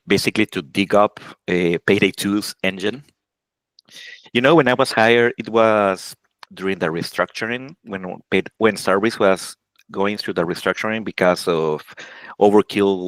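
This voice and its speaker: A Honduran game programmer in his forties, appearing as an interview guest, talks casually about his career. He speaks haltingly, frequently stopping, restarting and correcting himself, and laughs often. His fairly low voice is recorded dry, with no room echo.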